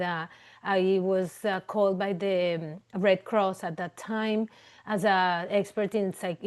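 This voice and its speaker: This Venezuelan clinical psychologist presents a webinar over a video call with a clear, resonant, medium-pitched voice. Her delivery is loose and chatty, full of fillers and restarts.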